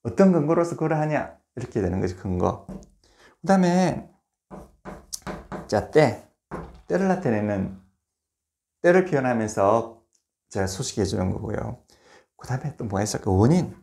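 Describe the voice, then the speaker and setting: A man giving a recorded grammar lecture, explaining step by step, posing rhetorical questions, and slowing down to spell out examples. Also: mid-range voice, vocal fry, a little mellow, slight background noise. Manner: slows to spell out words and examples.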